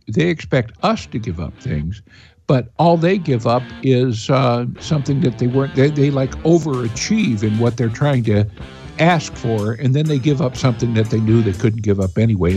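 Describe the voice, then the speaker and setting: A man's voice: mid-range voice, very animated, moderate pace, darkish tone, soft background music. Rambling male talk radio host. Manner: rambling, hesitant, many fillers and restarts. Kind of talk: talk radio commentary and call-in chat.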